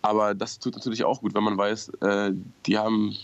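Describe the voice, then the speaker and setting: A man's voice: lowish voice, flat delivery, a little fast, no room sound, muffled recording. A man who is a guest musician, bantering and joking in a casual chat over a remote call. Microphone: remote call connection.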